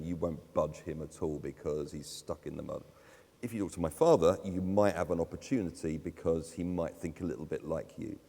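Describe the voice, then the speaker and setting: A man's voice: low-pitched, vocal fry, dark tone. A man speaking at a conference, talking conversationally with fillers and the odd laugh. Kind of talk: live talk at a conference. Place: conference hall. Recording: long hall reverb.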